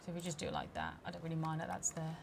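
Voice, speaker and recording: A woman's voice: low-pitched, very animated, racing, creaky. Woman, casual game commentary, chatty, laughs often, faint background hum. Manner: chatty, laughs often, mock-outraged at park guests. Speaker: community manager streaming a game. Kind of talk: casual let's play commentary.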